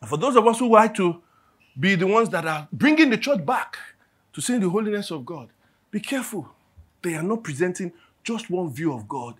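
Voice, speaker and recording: A man preaching a sermon, swinging between hushed, almost whispered lines and loud, emphatic passages. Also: sits high, big pitch swings, moderate pace.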